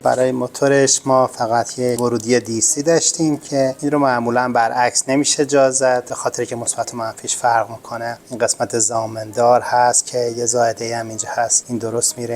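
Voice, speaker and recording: A man hosting a repair channel, giving a calm, polite step-by-step tutorial. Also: medium pitch, few pauses, faint music behind. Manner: calm, polite and methodical explaining. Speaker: host of a home repair channel.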